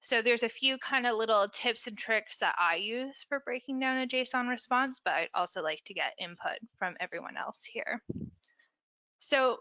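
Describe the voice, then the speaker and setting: A woman with a bright, forceful voice walks through technical steps in a relaxed, chatty way on a webinar. The sound is dry and a little dull, like video call audio. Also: a little high, normal speed, no echo. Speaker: support specialist. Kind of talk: casual webinar explanation.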